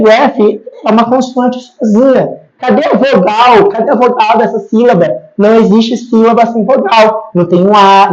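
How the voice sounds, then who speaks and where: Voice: medium pitch, darkish tone. Teacher at the board, patient and repetitive, mid-range voice, muffled lo-fi sound. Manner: patient, repeats rules, checks in with "tá?" often. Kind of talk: grammar lesson at a board. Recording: slightly dull lo-fi recording.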